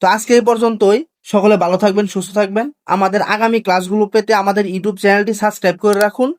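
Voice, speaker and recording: A Korean language teacher, giving an online lesson. The teacher explains slowly and patiently, asks each point back as a question and then answers it. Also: medium pitch, fairly even intonation. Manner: slow, patient, drilling explanation.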